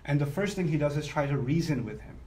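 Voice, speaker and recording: Animated male scripture teacher, off-mic. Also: a little high, quick pace, recorded from a distance. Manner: animated, often voicing the speakers of the story. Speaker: Quran teacher. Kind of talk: lecture on scripture. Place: broadcast live online.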